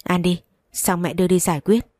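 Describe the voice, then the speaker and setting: A woman's voice: on the low side, steady tone, fairly quick, dark tone, no room sound, studio quality, natural voice. A woman voicing a stern middle-aged mother who scolds and laments. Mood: scolding.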